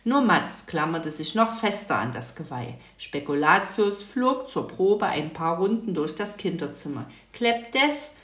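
A woman narrating a children's story calmly and evenly. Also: low voice, measured pace, hardly any pauses. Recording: roomy echo.

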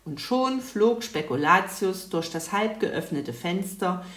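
A woman narrating a children's story calmly and evenly. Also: mid-range voice. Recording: roomy echo.

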